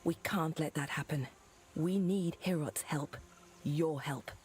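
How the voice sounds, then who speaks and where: A woman's voice: deep voice, takes it slowly, a little mellow. A woman voicing an earnest, grave keeper in a video game, speaking formally and solemnly. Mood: solemn, urgent. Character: earnest, grave female keeper envoy pleading for aid. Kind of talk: scripted video game dialogue.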